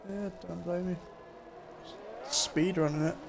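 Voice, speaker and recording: A man's voice: sits high, sing-song, slow pace, vocal fry, slight background noise. A man co-commentating on an online sim race in a laid-back way, with dry asides. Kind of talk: casual live race commentary.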